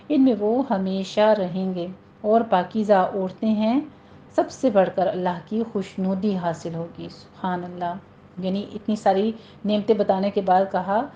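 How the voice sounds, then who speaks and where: A woman teaching Quran recitation rules step by step, then reciting the example words slowly and drawn out. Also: medium pitch, mellow, muffled recording, a little hiss or hum. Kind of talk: tajweed lesson with slow recited examples.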